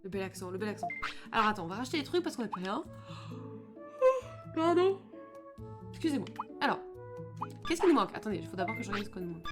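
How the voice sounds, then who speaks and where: A young woman with a French accent streaming a video game live, chatting casually and joking while she thanks her viewers. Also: mid-range voice. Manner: chatty, jokey, reads chat aloud. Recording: music playing behind the voice.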